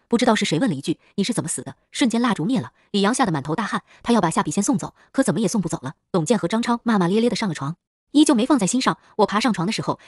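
A woman narrating a horror story in a rapid, dramatic storytelling manner, close to the mic. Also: medium pitch, husky, no echo. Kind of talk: fast scripted story narration.

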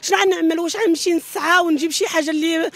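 Woman, northern Moroccan Arabic, very high voice, extremely rapid speech, tearful and pleading, outdoor news interview. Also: fairly even intonation. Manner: pleading, urgent, repetitive. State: distraught, tearful. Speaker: mother of missing children interviewed on the street. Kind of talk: emotional news street interview. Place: outdoors at night, large open lot. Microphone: handheld reporters' microphones held close.

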